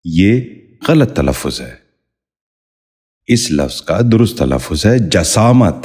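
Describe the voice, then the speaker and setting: A middle-aged man with a very low, deep voice reads a scripted pronunciation lesson. He speaks in a formal, measured way and repeats each word slowly and carefully. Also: sing-song, dark tone, breathy edge. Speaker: Urdu pronunciation teacher.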